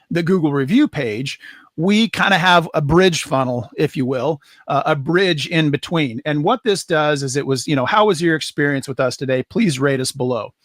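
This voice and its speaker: Dry-sounding man pitching software casually. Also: no echo. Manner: conversational, many fillers and restarts. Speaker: marketing presenter. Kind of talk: casual sales explainer.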